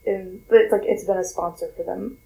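A woman's voice: mid-range voice, fairly even intonation, moderate pace, creaky, warm tone. A woman in her twenties co-hosting a podcast in casual chat, laughing often. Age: 20s. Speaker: podcast co-host. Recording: roomy echo.

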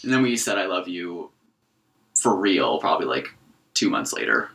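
A man co-hosting a podcast in casual chat, an animated storyteller who acts out what people said. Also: sits low, normal speed, vocal fry, recorded from a distance. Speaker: podcast co-host. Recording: set back from the mic.

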